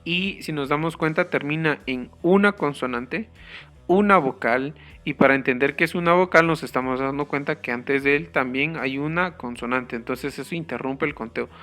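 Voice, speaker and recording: Bright-voiced man teaching English grammar. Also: on the high side, soft background music. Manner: slow, careful explanation, spelling letters out. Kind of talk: grammar lesson.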